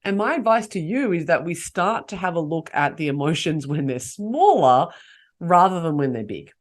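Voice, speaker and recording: A woman's voice: on the low side, expressive, moderate pace. A woman hosting a solo podcast, coaching her listeners and asking them rhetorical questions. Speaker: podcast host.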